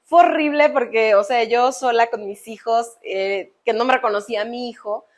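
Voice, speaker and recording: A woman with a Mexican accent, co-hosting a podcast, tells an emotional personal story in a lively way and acts out the voices she quotes. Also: on the high side, normal speed. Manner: animated, acts out quoted voices, frequent fillers. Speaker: podcast co-host.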